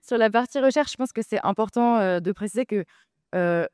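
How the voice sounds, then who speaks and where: A woman's voice: medium pitch, a little fast, a little mellow, smooth, dry recording, clean studio sound. A woman arguing in a debate, hesitant with many filler sounds but insistent. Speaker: debate speaker, co-president of a data nonprofit. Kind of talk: debate argument.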